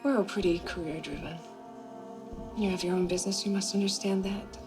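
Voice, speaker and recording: A guarded, career-driven wealthy wife who speaks in measured lines, played by an actress. Clear music plays under her voice in a television drama. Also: lowish voice, steady tone, lightly acted.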